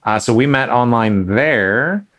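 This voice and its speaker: Slow and a little bright, with a mid-range voice and lively intonation, a podcast host introduces his guest. He chats in a friendly, casual interview style, often using fillers and restarting sentences.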